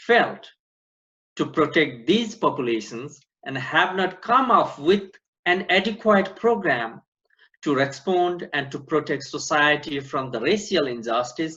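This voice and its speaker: Slow earnest guy from nepal opening an online conference, slightly high voice, dull lo-fi call audio. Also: fairly bright tone. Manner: slow, deliberate, earnest delivery. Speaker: organization president opening a conference. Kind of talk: prepared welcome speech. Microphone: video call.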